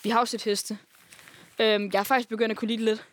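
A young woman co-hosting a podcast, chatting outdoors on a farm, excitable and nervous, often stammering and repeating words. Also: a little high, no echo. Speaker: podcast co-host. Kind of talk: casual chat on a farm visit.

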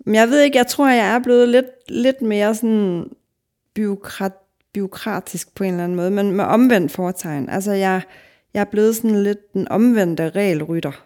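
A woman's voice: mid-range voice, a little mellow. A middle-aged woman from Denmark, a guest author in a casual podcast conversation, talking reflectively in long winding sentences full of fillers.

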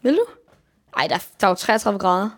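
A woman's voice: medium pitch, expressive. Blunt young woman co-host. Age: young adult. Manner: blunt, mixes in English phrases, searches for words. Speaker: podcast co-host. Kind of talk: casual chat.

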